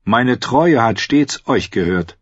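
A man's voice: medium pitch, takes it slowly, breathy edge, no room sound, voice pushed up. Plain-spoken faithful knight, man reading, earnest, dry and dull. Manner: earnest, steady, pleading. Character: loyal, plain-spoken middle-aged male knight.

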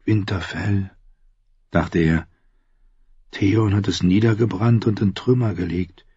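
A man voicing a brooding, withdrawn young man, speaking low and inward, on a slightly dull lo-fi audiobook recording. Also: steady tone, slow pace, mellow, slightly rough, no room sound, full character voice.

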